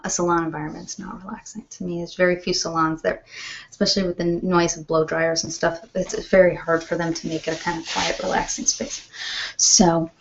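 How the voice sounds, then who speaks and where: A woman with a fairly low voice and noticeable vocal fry rambles informally in a casual live chat. She is an ASMR host and massage therapist, and the recording sounds dull and lo-fi.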